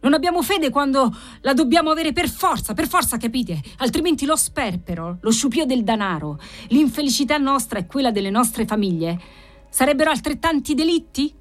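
Woman doing a shrill, furious old man. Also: animated, a little fast. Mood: outraged. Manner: shrill, outraged ranting.

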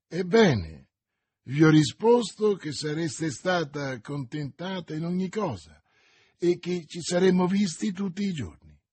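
A cold, contemptuous baron, sneering and menacing his captive , played by a male audiobook reader. He speaks slowly and deliberately in a husky voice. The recording is close and dry. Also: on the high side, expressive, darkish tone, dry recording.

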